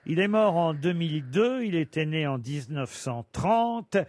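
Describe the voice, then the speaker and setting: A man from Normandy hosts a lively radio panel, his voice sitting high as he teases the guests and sets up quiz questions. The sound is dry and close, with no room around it. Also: unhurried, no room sound. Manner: teasing, quizmaster asking questions. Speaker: radio show host. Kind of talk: lively panel show banter.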